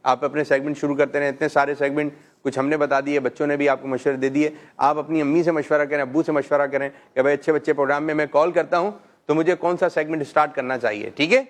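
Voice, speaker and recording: A middle-aged man hosting a children's call-in show, gently quizzing kids and praising them often. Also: fairly high pitch, fairly even intonation, few pauses. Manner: gentle, coaxing questions, frequent "mashallah".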